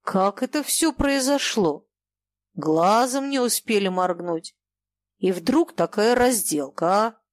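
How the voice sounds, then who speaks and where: A woman reading an audiobook, voicing a brooding young male merchant who speaks in a lowered, thick, persuasive voice. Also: lively intonation, slow, no room sound. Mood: timid.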